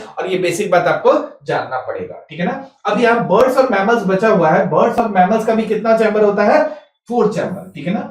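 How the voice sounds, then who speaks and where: High-voiced teacher in an echoey room. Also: male voice. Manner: repeats "ठीक है" constantly, asks and answers own questions; mixes English terms into Hindi, spells words out slowly. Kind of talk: exam-prep science lecture. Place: classroom or small studio, writing on a board. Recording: echoey room, mic some distance off.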